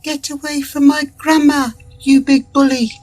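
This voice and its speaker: A man's voice: very high-pitched, measured pace, a bit bright, breathy edge, pitched above the performer's own voice, exaggerated voice. A man voicing a frightened four-year-old boy who speaks in a pleading, childlike way. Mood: angry. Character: small scared boy, about four.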